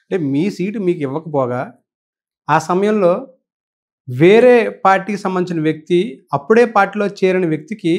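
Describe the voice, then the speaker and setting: A man's voice: sits high, normal speed, pauses often, a little mellow. A man interviewing a politician, asking polite, leading questions and addressing him as sir.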